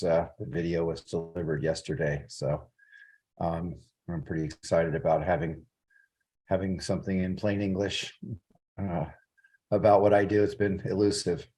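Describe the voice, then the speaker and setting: Man, very low voice, flat and even delivery, checking in on a video call. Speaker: call participant. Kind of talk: casual check-in.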